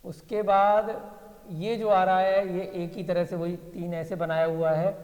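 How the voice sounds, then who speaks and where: A man's voice: sits high, little pitch movement, a little slow, a little mellow, long reverb tail. A male teacher explaining an inscription to a class, thinking aloud and checking in with his students. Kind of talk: classroom lesson reading an inscription.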